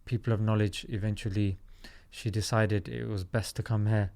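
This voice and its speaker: Man, thirties, from South London, reflective, clear resonant voice, fairly low. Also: flat delivery, moderate pace, a little mellow. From South London, England. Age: 30s. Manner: reflective, earnest storytelling. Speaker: podcast guest, comedy YouTuber. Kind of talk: casual interview talk.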